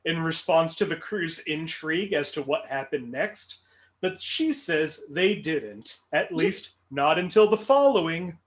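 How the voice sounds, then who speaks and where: A man's voice: on the high side, expressive, a little slow. A man hosting a movie trivia game show, reading clues with dry, mock-serious humor.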